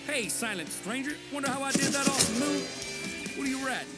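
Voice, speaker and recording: Buddy Thunderstruck, a high twangy race driver. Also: male voice, expressive, fairly quick, loud music behind the voice. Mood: cheerful. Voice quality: twangy, folksy drawl, boastful. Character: goofy boastful male race driver, cheerful hick. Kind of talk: cartoon voice acting.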